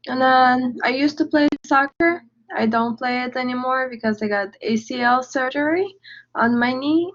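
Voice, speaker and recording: Young woman student, higher voice. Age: young adult. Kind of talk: class self-introduction. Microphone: video call mic. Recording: muffled lo-fi video call audio.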